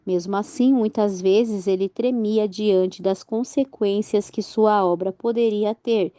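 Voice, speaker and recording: A woman reads a religious book aloud in a very slow, careful way and sometimes corrects a word as she goes. Her tone is mellow and dark rather than bright. The recording is close and dry. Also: medium pitch, steady tone, no echo. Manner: slow, careful reading with occasional self-corrections. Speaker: narrator.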